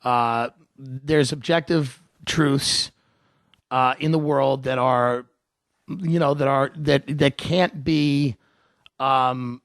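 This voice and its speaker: A man's voice: medium pitch, steady tone, slow, fairly bright tone, dry recording, clean studio sound. A man hosting a casual discussion, rambling and restarting as he searches for words. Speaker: podcast host.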